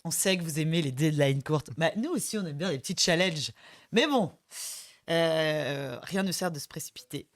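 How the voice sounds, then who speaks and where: A woman's voice: low voice, lively intonation, normal speed. A woman co-hosting a webinar, explaining things in a chatty, teasing way. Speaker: co-host of a company webinar. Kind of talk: casual webinar chat.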